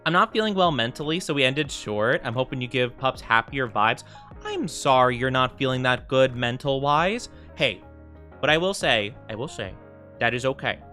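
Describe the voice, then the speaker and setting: A man's voice: mid-range voice, animated, normal speed, bright, forceful tone. A man chatting casually as a live VTuber game streamer, with a cute, upbeat anime-streamer delivery, often repeating his phrases. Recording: music under the voice. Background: music.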